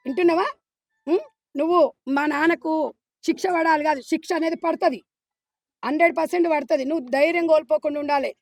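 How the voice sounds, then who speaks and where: Soothing, emphatic Telangana woman, high-pitched. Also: darkish tone, dry recording. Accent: Telangana Telugu. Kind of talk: consoling a grieving child on camera.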